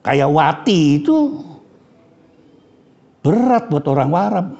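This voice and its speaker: A cleric gives a frank, joking scripture lesson. His fairly high voice is mellow with a gravelly edge. The recording sounds dull and lo-fi. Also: animated, takes it slowly. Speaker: Islamic cleric teaching scripture. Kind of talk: casual religious study lecture.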